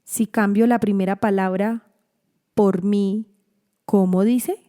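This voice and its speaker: A woman giving a scripted instructional narration for parents and teachers, slowly stretching out the example words. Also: medium pitch, steady tone, dark tone.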